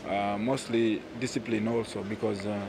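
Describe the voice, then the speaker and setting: A man's voice: lowish voice, fairly even intonation, normal speed, vocal fry, noisy background. A man in his thirties with a Ugandan accent, a goalkeeper answering interview questions hesitantly with many fillers, outdoors by a pool. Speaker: national team goalkeeper and captain. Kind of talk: casual interview. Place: outdoor poolside terrace. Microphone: handheld mic. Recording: outdoor ambience behind voice.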